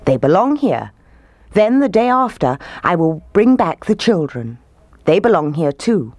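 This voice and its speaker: A woman's voice: on the low side, sing-song, a little slow, darkish tone, no room sound. A woman voicing a confident, merry male piper in a children's story, firm and teasing. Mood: calm, firm.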